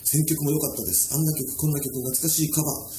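A man's voice: on the high side, flat delivery, fast, reverberant, noisy background. A male radio host reading listener mail on air and adding playful asides between the lines. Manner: reads letters aloud with playful asides.

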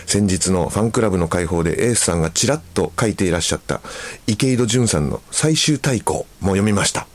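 Male radio host with a lowish voice, easygoing, chuckling through listener mail. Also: a little fast. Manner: relaxed, chuckles often, comments between letters. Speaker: musician. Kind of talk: casual radio talk with letter reading.

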